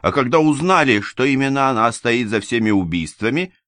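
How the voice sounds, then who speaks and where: A man's voice: medium pitch, animated, brisk, fairly bright tone, no room sound, studio quality, pitched above the performer's own voice, lightly acted. A man voicing a stern, controlled provincial police investigator who presses hard with questions. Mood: accusing.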